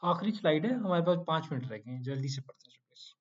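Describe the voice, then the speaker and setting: A man with a fairly high voice teaches an online Quranic Arabic class. He quizzes his students with short prompts and coaxes answers out of them. He playfully scolds them into doing their homework, and the lo-fi audio sounds a little muffled. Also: lively intonation, quick pace.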